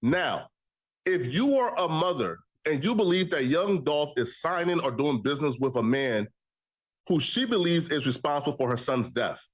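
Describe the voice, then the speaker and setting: Pressing male interviewer, lighter pitch, pushes his point step by step. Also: lively intonation, normal speed. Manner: pressing, argumentative, lays out his case. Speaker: podcast interviewer. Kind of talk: heated casual interview.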